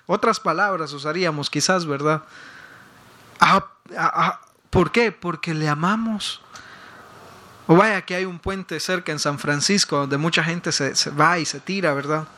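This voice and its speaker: Pastor guy preaching, high and bright, keeps repeating words and getting loud. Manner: emphatic, rises to loud peaks and repeats words. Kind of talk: sermon.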